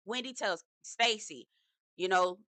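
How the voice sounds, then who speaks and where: Recapping reality TV, a woman speaks at a measured pace in a sharp, medium-pitched voice with no room sound. Her style is blunt and sassy, full of swearing, slang, "girl," and frequent "okay?"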